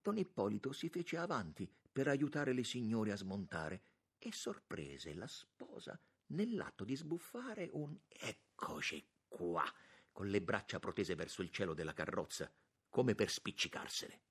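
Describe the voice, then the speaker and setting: Male narrator, deep voice, husky, lively intonation, measured literary reading. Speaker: audiobook narrator.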